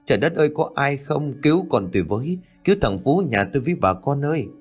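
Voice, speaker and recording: A man's voice: mid-range voice, expressive, fast talker, breathy edge, soft background music, pitched above the performer's own voice. A man voicing a desperate village mother who sobs and cries for help in a ghost story reading. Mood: wailing. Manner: sobbing, crying for help.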